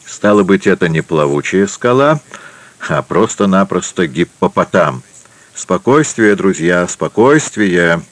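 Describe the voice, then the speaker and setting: A man's voice: low voice, unhurried, dry recording. A man reading a joking, decisive young adventurer. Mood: calm. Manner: jokey, decisive, calm under danger. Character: bold, joking young male adventurer, cool-headed leader.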